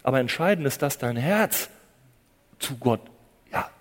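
A man preaching a sermon with a dramatic delivery, dropping to hushed low phrases and rising to loud emphatic cries, and repeating phrases for emphasis. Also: lively intonation, a little slow, big-room sound.

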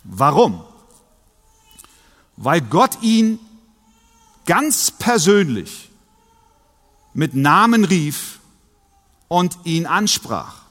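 A man's voice: fairly high pitch, big pitch swings, very slow, pauses often, fairly bright tone, big-room sound. A man preaching a sermon, retelling a story and acting out the voices of its figures.

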